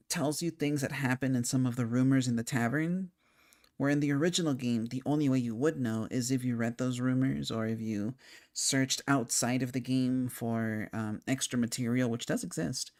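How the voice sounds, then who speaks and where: A young man chatting casually about a video game, thinking out loud as he goes. He rambles, trails off and restarts his sentences, with a hiccup slipping in here and there. His voice sits at an everyday middle pitch for a man. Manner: rambling, frequent fillers and restarts, thinking aloud. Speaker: game commentator. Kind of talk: casual spoken game discussion.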